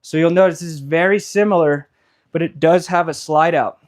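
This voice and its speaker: A man's voice: fairly high pitch, moderate pace. A man selling RVs who walks through travel trailers on a live stream, chatty and explanatory with lots of fillers, sweating in the heat. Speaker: RV salesman giving a walkthrough. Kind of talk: casual live walkthrough. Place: inside and around trailers on a dealership lot.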